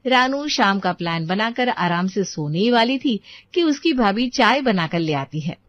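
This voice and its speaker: A woman's voice: mid-range voice, lively intonation, normal speed, fairly bright tone, dry recording, lo-fi sound. A woman narrating a family story as the storyteller.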